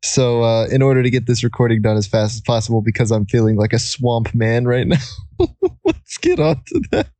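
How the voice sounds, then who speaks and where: A man's voice: medium pitch, big pitch swings, normal speed, dark tone, dry recording. A young man hosting a casual podcast while recording under a blanket, rambling and giggling as he talks. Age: young adult. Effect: muffled, recording under a blanket. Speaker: podcast host.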